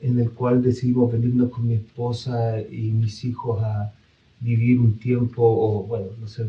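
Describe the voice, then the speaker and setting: A middle-aged man speaks as a psychologist guest on a live radio show, calm and explanatory at a mid pitch. He sits away from the microphone in a roomy studio, and the recording sounds dull and lo-fi. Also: a little slow, recorded from a distance. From El Salvador.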